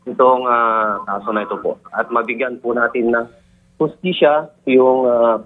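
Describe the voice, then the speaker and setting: A man speaking as a police lieutenant, giving formal, measured assurances. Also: medium pitch, steady tone. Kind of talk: formal phone statement. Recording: tinny phone line.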